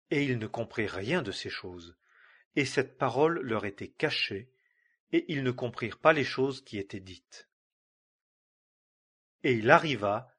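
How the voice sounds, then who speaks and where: A man giving a measured scripted reading of scripture, lifting his voice for the cries. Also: medium pitch, a bit bright, slightly rough. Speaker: Bible reader.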